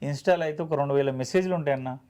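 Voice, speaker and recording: A man's voice: a little high, fast, dark tone. A man with a Telangana Telugu accent, an actor guest telling his story in an earnest, heartfelt, plainspoken way. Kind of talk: emotional storytelling interview.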